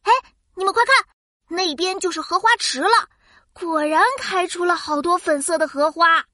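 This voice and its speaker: A woman's voice: very high-pitched, normal speed, sharp tone, no room sound, studio quality. A woman voicing a curious, cheerful, easily amazed child host in a children's science cartoon, with a childlike, exclaiming manner. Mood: delighted. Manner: childlike, exclaiming, wide-eyed.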